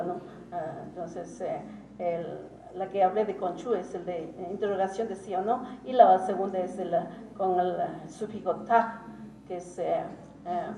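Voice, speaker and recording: A woman giving an academic lecture as a teacher, talking haltingly with many pauses and hesitations. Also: medium pitch, mellow. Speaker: symposium speaker and Quichua teacher. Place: conference hall. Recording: roomy hall, distant mic, faint noise.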